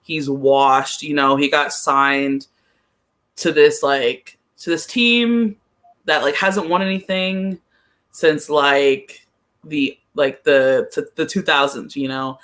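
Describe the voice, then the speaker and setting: A podcast guest offers casual soccer commentary at a middling pitch, talking slowly in a steady, slightly bright tone. His delivery is conversational and a little hesitant, thinking aloud and saying "like" frequently.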